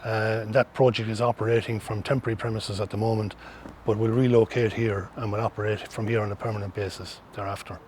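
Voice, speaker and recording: A man's voice: fairly low pitch, level tone, quick pace, a little mellow, slight background noise. A middle-aged man with an Irish accent giving earnest, explanatory interview answers, often repeating and restarting phrases. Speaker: interviewee, social housing organisation representative.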